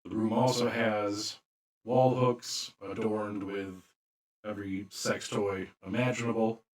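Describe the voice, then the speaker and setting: A man narrating a tabletop role-playing game as game master, calm and matter-of-fact. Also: lowish voice, slow pace.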